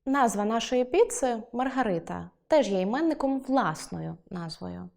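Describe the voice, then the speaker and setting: A woman teaching an online lesson, explaining clearly and listing examples as she goes. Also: on the high side, animated, normal speed, a little mellow. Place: film studio.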